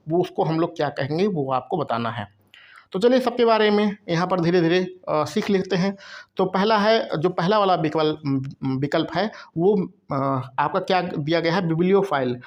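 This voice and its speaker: A man's voice: fairly high pitch, highs cut off. A man teaching exam preparation in a recorded video lecture, explaining step by step, spelling words out letter by letter and checking in often with the viewers. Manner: frequent "theek hai" check-ins, addresses viewers as bhaiya.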